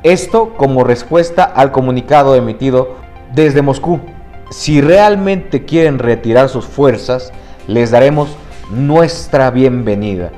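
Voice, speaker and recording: A man's voice: medium pitch, measured pace, dark tone, faint music behind. A man co-hosting a news podcast, reading international headlines with joking asides. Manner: joking, self-mocking asides. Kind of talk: news read with banter.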